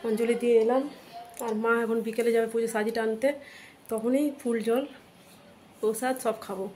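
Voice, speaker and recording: A woman in her thirties with a Bengali accent, chatting softly to viewers in a home vlog, her throat dry. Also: on the high side, little pitch movement, a little hiss or hum. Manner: talks softly and slowly to save a dry throat. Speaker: vlogger. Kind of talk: casual vlog chat to viewers.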